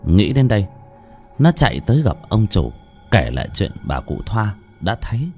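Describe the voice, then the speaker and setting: A low-voiced man reads a ghost story aloud, his pitch rising and falling expressively from line to line. Soft music plays under the narration. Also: normal speed, breathy edge. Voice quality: lively dramatic reading.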